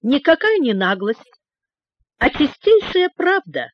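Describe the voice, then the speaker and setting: A woman's voice: on the high side, big pitch swings, measured pace, slight background noise. A woman doing a cheeky, mockingly polite teenage boy. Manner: sarcastically polite. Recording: dull, dry recording.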